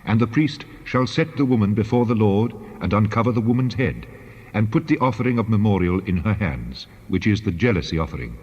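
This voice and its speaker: A solemn, commanding God pronounces law in a low, husky voice. The delivery is measured and authoritative, in the manner of dramatized scripture, and it rings out in a long hall reverb. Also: male voice, animated, darkish tone. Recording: long hall reverb, dull band-limited sound.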